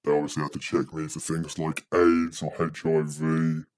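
A man speaking through a pitched-down voice disguise as an anonymous podcast guest, talking hesitantly and rambling with many fillers. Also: monotone, moderate pace, dry recording, studio quality. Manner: hesitant, rambling, full of "you know". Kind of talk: casual chat.

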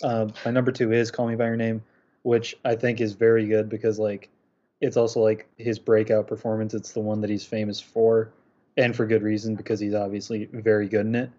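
A young man hosting a podcast, talking through his rankings in a casual, measured way. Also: fairly low pitch, little pitch movement, mellow. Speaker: podcast host. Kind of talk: casual chat. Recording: muffled lo-fi audio.

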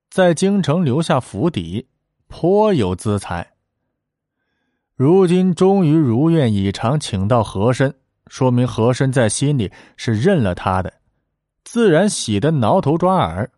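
Animated male storyteller. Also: mid-range voice, dry recording, studio quality. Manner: animated, dramatic and expressive. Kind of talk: traditional storytelling narration.

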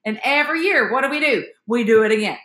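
A podcast host tells stories in a chatty way, calling her listeners y'all. She talks fast in a fairly high, expressive voice with a fairly bright tone, and the room sounds echoey.

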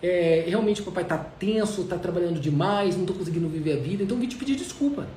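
A man with a Brazilian accent voicing a tired, gruff working father who is short with his son. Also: high voice, animated, fast. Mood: apologetic. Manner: impatient, shouting at first. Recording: echoey room, faint noise.

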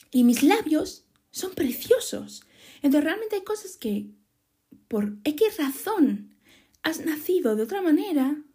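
A young woman from Spain with a Spanish accent talks straight to her listeners in a casual podcast monologue. Her voice sits a little high but sounds mellow and husky. She is frank and chatty, stumbles, restarts and casually swears. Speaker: podcast host.

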